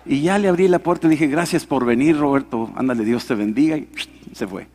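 Mexican pastor preaching in an echoing hall. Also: male voice, a little fast, warm tone. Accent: Mexican Spanish. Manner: storytelling, acting out dialogue with changing pitch. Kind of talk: sermon testimony. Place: large hall at a men's conference.

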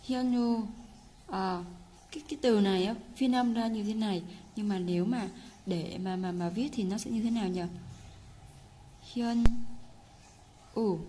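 Mellow-voiced woman teaching Korean. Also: mid-range voice, a little hiss or hum. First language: Vietnamese. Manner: patient, repeats words slowly for learners. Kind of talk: casual online lesson.

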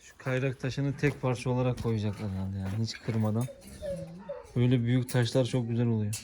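A man vlogging outdoors on a farm. He chats casually to viewers and shouts sharp calls and scoldings to his dogs. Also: medium pitch, steady tone, fairly quick, noisy background. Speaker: vlogger and dog owner.

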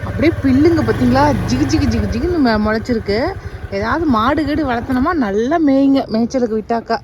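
Young woman vlogger, slightly high voice, chatty, speaks to viewers while walking a farm outdoors. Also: fairly quick, background noise. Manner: chatty, addresses viewers directly. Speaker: village vlogger. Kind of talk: casual farm vlog narration.

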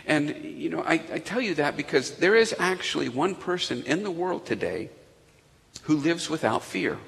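This pastor's voice is on the high side, creaky and fairly bright, with a sing-song quality and a moderate pace. He preaches conversationally to his congregation in the church sanctuary, tossing in asides and asking the room questions, all captured in an echoey hall.

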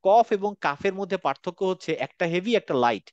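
A man teaching an online class in a fairly high, dry, close voice. He is patient and models each sound slowly so that students can repeat it. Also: animated, clear, resonant tone, no echo, lo-fi sound. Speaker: Quran reading teacher.

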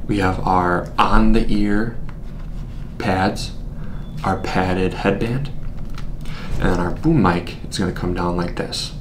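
A man's voice: low voice, slow pace, long pauses, noisy background. A young man presenting a product in a small studio, seated at a desk and walking through its features one step at a time. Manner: steady, explanatory, walks through features step by step. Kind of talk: scripted product unboxing.

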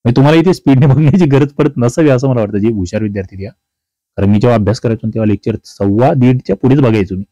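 A male teacher giving an exam-prep grammar lesson, fast, chatty and teasing. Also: mid-range voice, warm tone, no echo, muffled recording. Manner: fast, chatty and teasing, calls students brother and sister.

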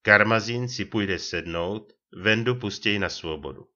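A man's voice: on the low side, sharp tone, lo-fi sound. A man voicing a glum police lieutenant who speaks in a sad, plaintive way.

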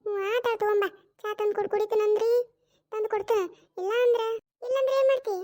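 An irritated, stubborn old mother-in-law snaps back with quick, clipped retorts in a cartoon comedy skit, scolding and refusing in a North Karnataka Kannada accent. One performer plays both parts, giving her a shrill, very high voice with a dark tone and fairly even intonation.

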